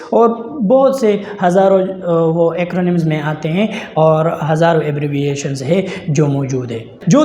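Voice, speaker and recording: A man giving an explanatory English lesson, talking haltingly and often pausing on filler sounds to repeat himself. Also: sits high, darkish tone. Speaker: English language teacher. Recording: echoey room.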